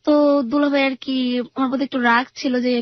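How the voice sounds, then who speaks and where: A woman's voice: high voice, level tone, a little fast, dry recording, highs cut off. A young woman earnestly retelling her own life story in a rambling way, with many fillers. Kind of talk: personal storytelling interview.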